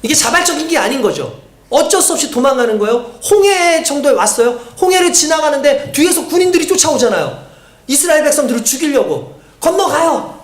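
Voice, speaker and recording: A male pastor preaching a sermon in an animated storytelling manner, often asking the congregation questions. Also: very high-pitched, brisk, reverberant.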